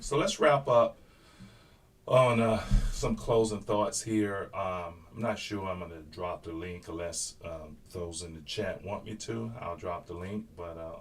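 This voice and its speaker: Man, host, very low voice, easygoing, distant mic, faint hiss. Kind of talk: casual live interview.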